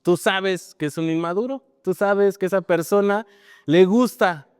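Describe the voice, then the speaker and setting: A man's voice: high voice, measured pace, darkish tone, smooth, no echo, clean studio sound, in a large hall. A man with a Mexican accent preaching a sermon as pastor, in a conversational style that keeps adding tag questions.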